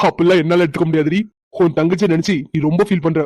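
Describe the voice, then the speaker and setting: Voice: mid-range voice, fairly even intonation, a little fast, a little mellow, no room sound, natural voice. A performer voicing a playful young husband in a cartoon who teases his wife with chuckles. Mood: teasing. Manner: teasing, chuckling. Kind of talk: cartoon voice acting.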